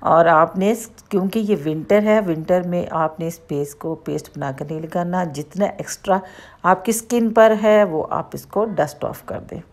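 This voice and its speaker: A woman's voice: on the low side, moderate pace, darkish tone. A woman with a Pakistani Urdu accent, a makeup artist who talks through each step of a bridal look in a chatty tutorial voice-over. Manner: chatty, explains each step as she goes.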